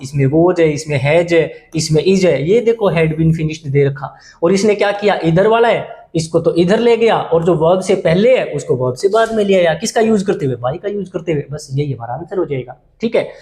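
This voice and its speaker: A man's voice: fairly high pitch, lively intonation, moderate pace, darkish tone, roomy sound. A male English teacher giving an exam-prep vocabulary lesson, explaining in Hindi with English terms and often repeating words and checking "okay?" with students.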